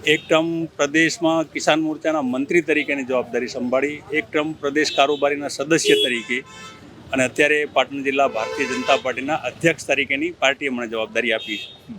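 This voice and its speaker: A middle-aged man answering interview questions as a district party president, earnest, formal and measured. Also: medium pitch, steady tone, fairly bright tone, soft background music.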